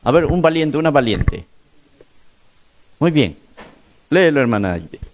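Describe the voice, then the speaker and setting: Male preacher, slightly sore throat, fairly high pitch, emphatic storyteller. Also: very animated, a little slow, a little hiss or hum. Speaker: pastor. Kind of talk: sermon.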